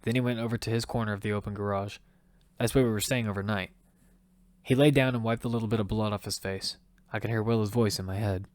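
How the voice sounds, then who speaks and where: In an amateur audio drama, a man narrates and leads as a hot-tempered father recounting his own battle-royale survival, mixing first-person narration with dialogue. His voice is fairly low, steady, fast and darkish, natural and grim yet measured. The recording is dry, with music beneath him.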